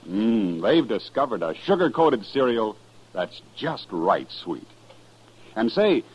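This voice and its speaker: A man's voice: mid-range voice, husky, highs cut off. A man announcing an old radio show and reading a cereal commercial in a sweeping announcer's delivery, heard as an AM radio broadcast. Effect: old AM radio broadcast sound.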